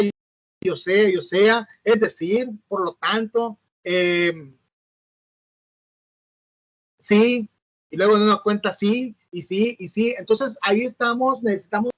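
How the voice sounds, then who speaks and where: A man with a high voice talks through a lesson he is recording alone. He hesitates, fills gaps and corrects himself, checking in with "¿no?". The sound is dull and lo-fi, in a dry, close space. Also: no room sound. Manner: hesitant, fillers and self-corrections, asks "¿no?". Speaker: teacher. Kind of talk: recorded online lecture.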